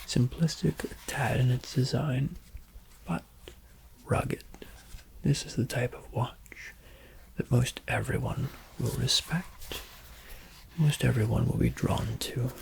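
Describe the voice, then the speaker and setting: Man, whispered role-play, luxury flight attendant, slow pace, soft breathy whisper, polite and attentive. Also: medium pitch, rough recording. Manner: polite, attentive flight attendant service patter, gently reassuring; deliberate, with soft repetitions. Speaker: ASMR performer playing a luxury flight attendant.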